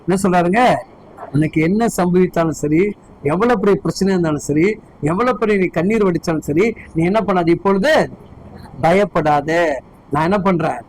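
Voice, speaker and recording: A man's voice: sits high, brisk, darkish tone, rough recording. A man preaching a sermon as pastor, fervently firing repeated questions at his congregation.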